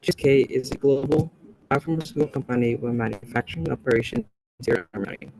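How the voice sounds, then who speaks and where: Young college guy reading his speech, kinda measured, bit of background hum. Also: mid-range voice. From El Salvador. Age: young adult. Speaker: college student testifying. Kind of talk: reading prepared testimony. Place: meeting room.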